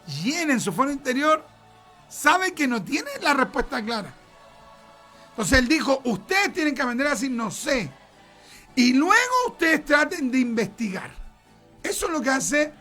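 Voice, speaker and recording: A sharp, very high voice belongs to a middle-aged preacher with a Chilean Spanish accent. Emphatic throughout, he leans on repeated words for stress and dramatizes conversations as he preaches.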